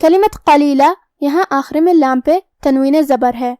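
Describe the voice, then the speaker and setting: A woman teaching Quran recitation rules, explaining each letter step by step and reciting verses slowly. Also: high-pitched, mellow, no room sound, studio quality. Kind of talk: tajweed lesson, slow explanatory teaching.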